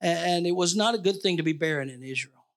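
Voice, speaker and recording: A man with a high-pitched voice preaches a sermon as pastor. He keeps throwing questions to the congregation and slips in wry jokes, then climbs to ringing, near-shouted emphasis. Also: quick pace. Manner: call-and-response questions to the congregation; joking asides.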